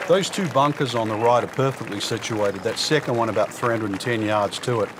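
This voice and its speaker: A man's voice: fairly low pitch, fairly quick, close to an everyday voice. A man giving expert golf commentary as an analyst, in a considered, conversational way. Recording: noisy outdoor crowd behind the voice. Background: crowd and outdoor ambience.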